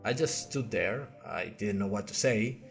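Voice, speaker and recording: A man with a lowish, expressive voice and some vocal fry speaks unhurriedly over faint music, playing a bewildered, earnest young college newcomer. As narrator and host of an audio diary podcast, he tells his puzzled first-person story to listeners in a wry, hesitant, conversational way.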